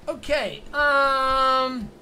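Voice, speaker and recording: Bright-voiced woman streaming a game. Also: high voice, drawn-out words, slight background noise. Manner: thinking aloud, asking herself questions. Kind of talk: casual gameplay commentary. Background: faint game music.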